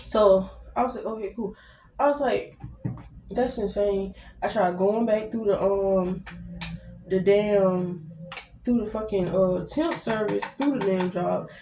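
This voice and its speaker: A woman's voice: medium pitch, slow pace. Slangy American woman in an echoey room. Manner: slangy, heavy swearing, blunt. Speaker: vlogger. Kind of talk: casual storytelling to viewers. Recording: roomy echo, distant mic, faint noise.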